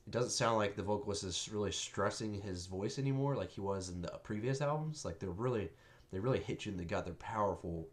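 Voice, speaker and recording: A young man with a low, deep voice that sounds stuffed up and nasal from a cold. He talks casually and bluntly, brushing off critics as he reviews an album. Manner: blunt, offhand, defiant.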